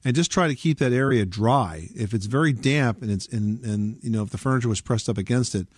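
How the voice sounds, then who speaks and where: A man's voice: mid-range voice, brisk, slightly rough, dry recording, studio quality. A man hosting a home improvement radio show, explaining things in an instructive way. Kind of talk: home improvement advice and upbeat show announcing.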